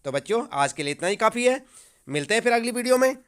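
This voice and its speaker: A man's voice: very high-pitched, animated, fast talker, fairly bright tone, smooth. A man teaching, walking schoolchildren through homework answers and dictating them for copying, with frequent check-ins like 'okay'. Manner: addresses pupils as children, repeats 'ठीक है'.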